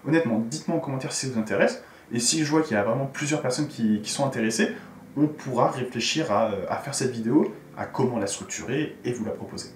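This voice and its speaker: A man's voice: mid-range voice, fast talker, a little hiss or hum. A man giving a casual, chatty video lesson and talking straight to his viewers. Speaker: YouTuber teaching Korean. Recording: roomy sound from a distant mic.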